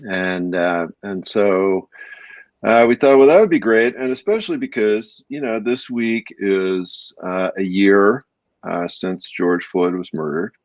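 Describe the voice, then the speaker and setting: Deep-voiced co-host from Northwest Minnesota, halting and laughing, dry dull recording. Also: male voice, no room sound. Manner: laughs often, halting with many fillers. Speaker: podcast co-host. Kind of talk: casual chat. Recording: dull lo-fi sound.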